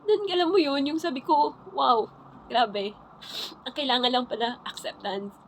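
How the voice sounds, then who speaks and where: A woman telling her personal faith testimony in a halting, repetitive way, often restarting her sentences. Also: sits high, lively intonation, slight background noise, low-quality recording. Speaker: churchgoer sharing her testimony.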